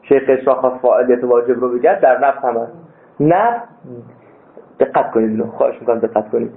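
A man teaching a philosophy class as a seminary lecturer, stressing key points with sudden leaps in pitch. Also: vocal fry. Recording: tinny phone-like sound.

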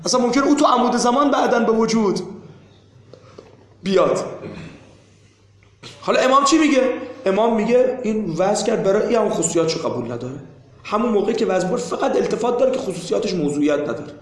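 A man with a fairly high voice leads a seminary class discussion, pressing his explanation and repeating himself to drive points home. The room around him is roomy and echoing. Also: animated, pauses often. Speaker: teacher.

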